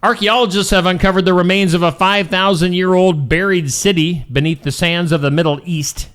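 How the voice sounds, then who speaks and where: A man's voice: high-pitched, fairly even intonation, brisk, a bit bright, smooth. A man hosting a morning show, reading out weird news stories in a jokey, casual way. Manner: jokey, reads stories aloud and laughs at them.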